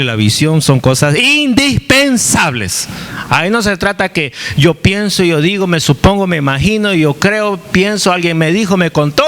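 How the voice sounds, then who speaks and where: A man's voice: a little high, fairly bright tone. A male pastor teaching a Bible study, who asks his congregation questions, answers them himself, jokes and acts out quoted voices.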